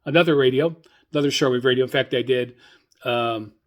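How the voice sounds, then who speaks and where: This man is the sole host of an informal hobby radio show, chattering keenly while pausing, drifting off topic, and echoing his own words. He speaks at a medium pitch.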